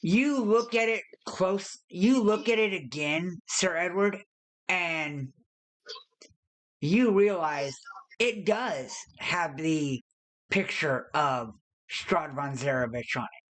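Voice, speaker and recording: A woman game master narrating a tabletop game in a halting, deliberate way. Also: on the low side, animated, rough recording.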